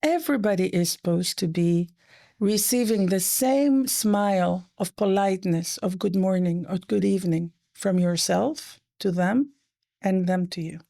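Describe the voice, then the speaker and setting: A middle-aged economist, French by first language, is a guest in a conversational interview. Her mid-range voice has a gravelly, creaky texture, and she recounts stories in fast, lively spurts, sinking to a soft near-whisper whenever she quotes someone.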